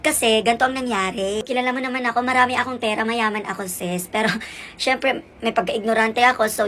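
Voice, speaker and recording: A man's voice: high voice, fairly bright tone, slight background noise. A ten-year-old boy playing a brash, boastful wealthy woman friend who chatters in a comedy skit. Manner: chatty and showy, mixing in English. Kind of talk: comedic skit with one kid playing every role.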